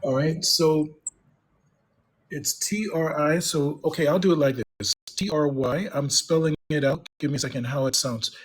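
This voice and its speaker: A man tutoring English one-on-one, patient and encouraging, pausing to type as he explains. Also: a little high, slightly rough. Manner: patient, encouraging, talks while typing. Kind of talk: one-on-one online English lesson.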